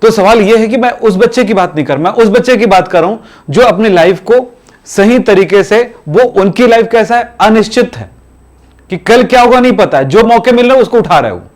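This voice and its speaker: A man's voice: sits high, animated, fairly quick, a little mellow. A man teaching chemistry in a classroom, urging students to study every day in a repetitive, exhorting way. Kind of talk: classroom lecture.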